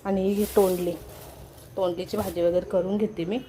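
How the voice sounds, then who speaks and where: A woman vlogging at home in casual chat, excited and playful as she talks to her viewers. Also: lowish voice, normal speed, noisy background. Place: home with a sofa.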